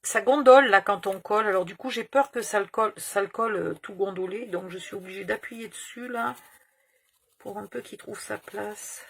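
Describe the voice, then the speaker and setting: A gravelly, husky, mid-range voice at a moderate pace belongs to a fifty-something woman hosting a crafting tutorial. Her talk is loose and chatty, a rambling story with casual swearing mixed in.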